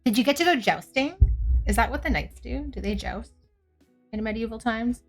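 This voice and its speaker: Canadian girl streamer chatting w viewers, cute bubbly high voice, bit of music behind her. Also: normal speed, vocal fry. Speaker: live streamer. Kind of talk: casual livestream chat with viewers.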